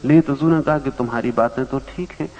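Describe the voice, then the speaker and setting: A man's voice: mid-range voice, big-room sound. Man giving a spiritual discourse, lo-fi. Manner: slow storytelling with long pauses, loudness rising and sinking. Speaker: spiritual teacher. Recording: dull lo-fi archival tape.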